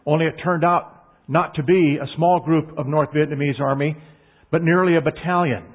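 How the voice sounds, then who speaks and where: A man's voice: a little high, steady tone. A man preaching a sermon in an earnest, emphatic way, leaning hard on key words. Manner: earnest, emphatic, drawn-out stresses. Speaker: pastor. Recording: tinny phone-like line.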